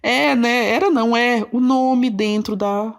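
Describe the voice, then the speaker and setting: A woman tells viewers a personal story in an animated, self-mocking way, with quick asides to her audience. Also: on the high side, vocal fry. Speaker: vlogger telling a personal story.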